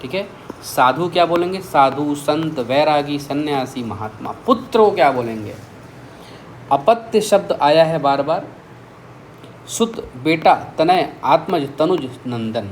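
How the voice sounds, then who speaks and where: Teacher, male, slightly high voice, lively list-reading delivery, faint background hiss. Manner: lively, reels off word lists with quick asides. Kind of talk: exam-prep vocabulary lesson.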